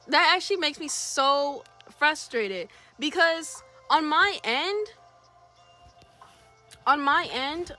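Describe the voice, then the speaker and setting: A woman's voice: high-pitched, bright, forceful tone. A young woman chatting casually on a drawing livestream, reading chat aloud and greeting viewers. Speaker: streamer.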